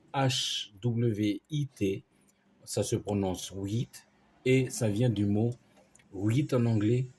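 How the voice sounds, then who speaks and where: A man's voice: fairly low pitch, darkish tone, slight background noise. A man teaching a language lesson, explaining words patiently and spelling them out letter by letter.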